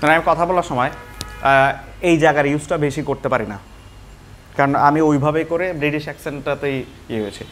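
A man's voice: fairly high pitch, a little fast, a bit bright. A man teaching English pronunciation, switching between Bengali and English and repeating example words.

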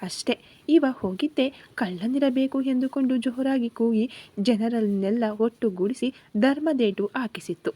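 A woman narrates a romantic story from a script. Her reading is expressive and dramatic. Her voice sits a little high. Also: unhurried.

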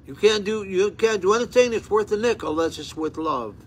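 This recording, made close up on a phone camera in a small room, captures a man in his eighties delivering a seated sermon. He reads scripture and erupts into fervent exclamations, repeating words and starting over. His voice is high, husky, expressive and fairly quick.

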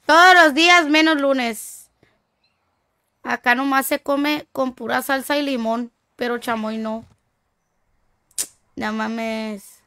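A woman's voice: high voice, fairly even intonation, slow, pauses often, bright, forceful tone, smooth, dry recording. Chatty woman streamer. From Tijuana, Mexico. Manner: chatty, slangy, reads chat aloud. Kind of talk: casual gaming stream chat.

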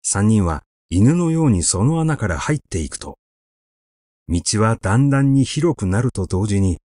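An audiobook narrator reads a literary short story in a measured, expressive storytelling style. His mid-range voice is captured as clean studio sound with no echo.

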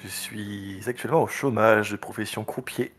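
A man's voice: lowish voice, steady tone, normal speed. A man playing a tabletop game over a video call, speaking in a plain, matter-of-fact way. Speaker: player. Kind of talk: tabletop game role-play. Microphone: headset on a video call.

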